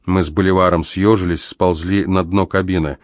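A man reading a first-person adventure story as an audiobook narrator, measured and even. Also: deep voice, no room sound, studio quality.

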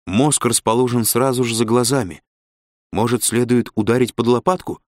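A man voicing a brisk, resourceful woman captain in an audiobook, in an earnest, direct manner. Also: medium pitch, steady tone, dry recording, clean studio sound, natural voice. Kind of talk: audiobook character voice.

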